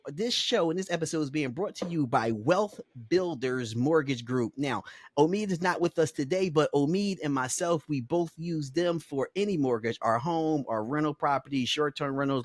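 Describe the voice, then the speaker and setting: A man hosting a podcast, talking in an energetic, hype style with lots of stammered restarts. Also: a little high, moderate pace, dry recording. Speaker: podcast host.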